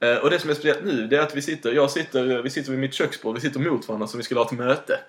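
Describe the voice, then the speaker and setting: A man hosting a podcast, chatting casually and laughing as he rambles through stories at a kitchen table. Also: mid-range voice. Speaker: podcast host. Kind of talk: casual chat.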